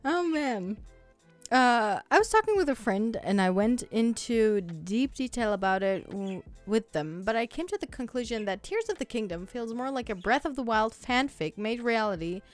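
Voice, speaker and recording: A woman's voice: a little high, expressive, moderate pace, soft background music. A woman ranting in casual chat, heated and sweary, with lots of fillers and restarts. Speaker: streamer.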